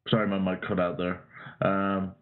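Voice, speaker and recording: A man's voice: low voice, little pitch movement, normal speed. A man co-hosting a podcast in casual wrestling chat, his call dropping out over a headset. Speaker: podcast co-host. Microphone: headset on an online call. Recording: tinny call line.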